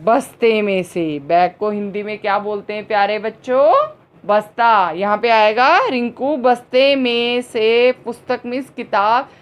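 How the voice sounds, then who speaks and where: A woman teacher giving a grammar lesson to young children, slowly repeating each word and answering her own questions. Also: fairly high pitch. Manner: drawn-out words, slow and patient. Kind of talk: slow, clearly spoken grammar lesson for children.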